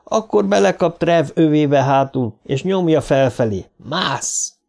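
A man narrating an audiobook in a measured, first-person storytelling manner. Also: fairly high pitch, animated, gravelly, dark tone.

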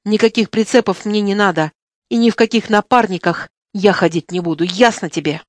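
A woman's voice: medium pitch, a little fast, no room sound, clean studio sound, close to an everyday voice. Woman voicing an angry, hot-tempered young trucker.

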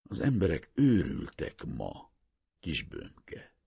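This is a grave older scientist pleading slowly and earnestly, voiced by a man reading a story. The voice is very deep and husky with a lively, swinging pitch, and the recording is dry and close. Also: no room sound, exaggerated voice. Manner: slow, solemn, earnest pleading. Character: older male professor, grave and troubled scientist.

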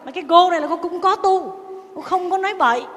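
A Buddhist nun giving a sermon, telling stories and acting out the people in them. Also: female voice, very high-pitched, fast talker, fairly bright tone, big-room sound. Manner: storytelling, acting out family quarrels.

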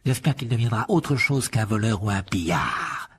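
Haughty aristocrat, male, icy and condescending, voiced by an audiobook reader: clipped delivery, husky timbre. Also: lowish voice, sing-song, moderate pace, a bit bright, heavily acted. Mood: cold. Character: cold haughty aristocratic wizard father.

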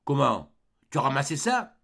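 A man barking as a gruff old showman. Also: medium pitch, big pitch swings, moderate pace, pitched above the performer's own voice, full character voice. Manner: barking, shouting commands. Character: gruff older male showman, brusque and scolding.

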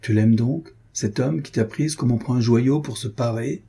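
Male reader doing a jealous young lover; dark, husky, impetuous. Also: mid-range voice, normal speed. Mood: passionate. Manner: passionate, impetuous. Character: young poor poet, ardent and jealous lover. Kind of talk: audiobook character reading.

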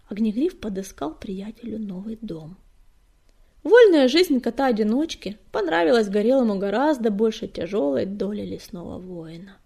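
A woman narrating an audiobook, reading softly and breathily and often sinking to a whisper. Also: on the high side.

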